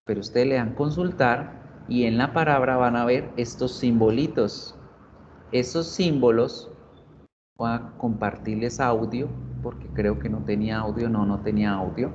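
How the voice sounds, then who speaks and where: A man teaching a beginner English class online, patiently explaining and repeating words slowly for his students. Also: mid-range voice, steady tone, a little mellow. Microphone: computer mic on video call. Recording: dull audio with faint noise.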